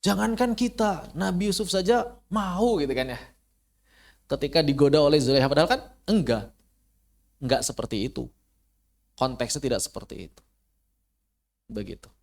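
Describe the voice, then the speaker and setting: A man teaching an online Quran lesson in a casual way, asking rhetorical questions and rising high to stress his points. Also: normal speed, gravelly, long pauses. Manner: animated, rises high when stressing a point; casual, uses local slang. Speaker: Islamic studies teacher. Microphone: close mic, online class.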